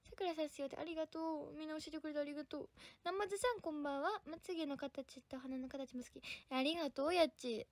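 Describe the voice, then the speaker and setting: A bubbly young woman hosts a casual livestream, chatting with her viewers and tossing in English words. Her voice sits high and bright. The sound is close and dry, with no room around it. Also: quick pace, no echo. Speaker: livestream idol host reading viewer comments.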